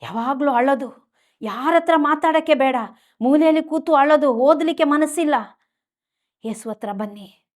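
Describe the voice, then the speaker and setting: Woman preacher, Kannada accent, high tender pleading voice, healing sermon. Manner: tender and pleading, speaks straight to the listener; voices heartfelt prayers in first person. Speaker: nun preacher.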